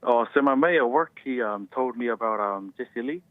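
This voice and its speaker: A twenty-year-old man with a New Zealand accent, a student caller chatting casually and haltingly. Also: medium pitch, no room sound. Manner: halting, ends phrases with "eh". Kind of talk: casual chat. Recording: thin, narrow phone line.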